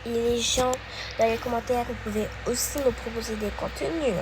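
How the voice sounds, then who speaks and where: A woman hosting her own video, chatting casually to viewers in a slow, hesitant way with many fillers. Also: fairly high pitch, steady tone, noisy background. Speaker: channel host.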